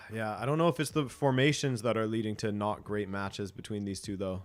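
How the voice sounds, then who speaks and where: A man's voice: fairly low pitch, steady tone, moderate pace. A man hosting a live football watch-along stream, chatting casually, chuckling and reading viewer comments aloud.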